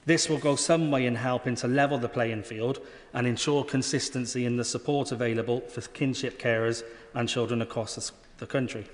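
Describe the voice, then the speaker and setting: A man's voice: medium pitch, fairly even intonation, brisk. British man giving a speech in a reverberant chamber. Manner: earnest, formal. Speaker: member of parliament. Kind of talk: prepared parliamentary speech. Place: large debating chamber. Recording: reverberant hall sound.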